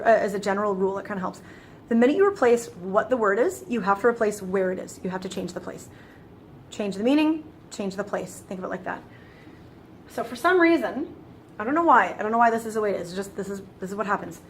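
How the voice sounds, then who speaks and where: Woman teacher, kinda high voice, chatty and casual, restarts a lot, faint background hum. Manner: chatty, restarts phrases, explains step by step. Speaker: French teacher. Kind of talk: casual explanatory lesson.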